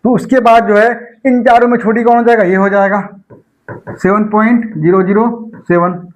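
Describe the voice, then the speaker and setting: High-voiced man teaching a maths lesson. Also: steady tone, rough recording. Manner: explains step by step, asking students rhetorical questions; repeats numbers slowly while working problems. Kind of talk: online exam-prep lecture.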